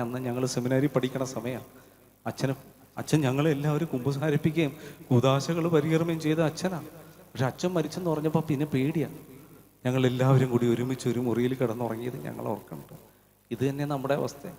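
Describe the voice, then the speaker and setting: Malayali priest telling a sermon story. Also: male voice, mid-range voice. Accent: Kerala Malayalam. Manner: conversational, acts out quoted voices, shifts between loud and hushed. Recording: long hall reverb.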